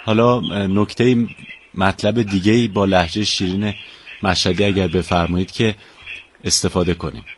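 A man's voice: sits low, steady tone, a little hiss or hum. Radio host, man, friendly banter, generous with compliments. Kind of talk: radio interview chat.

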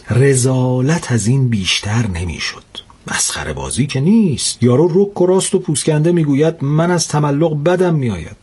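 A male storyteller with a slightly husky voice narrates a first-person tale. His delivery is animated, with pitch that moves widely, and he adds moralizing asides to his listeners.

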